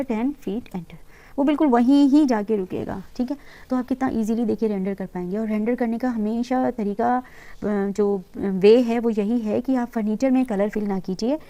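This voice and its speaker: Woman instructor, slightly high and warm tone, patient step-by-step tutorial delivery. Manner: patient, talks viewers through each step, mixing English terms into her talk. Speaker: interior design instructor. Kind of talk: screen-recorded software tutorial.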